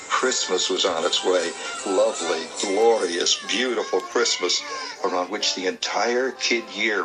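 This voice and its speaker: A deep-voiced man looks back fondly on his boyhood. His scripted film narration is wistful and florid, with music clearly behind it. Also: rough recording.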